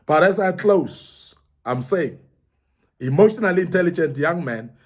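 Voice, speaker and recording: Middle-aged guy with a high voice, earnest teaching talk, keeps repeating stuff for emphasis. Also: lively intonation, measured pace. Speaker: speaker at a young men's forum.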